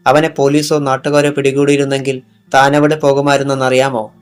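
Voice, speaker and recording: A man reading the part of a furious, bullying police superintendent who yells, in an audiobook. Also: mid-range voice, monotone, brisk, clear, resonant tone, lightly acted. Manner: yelling.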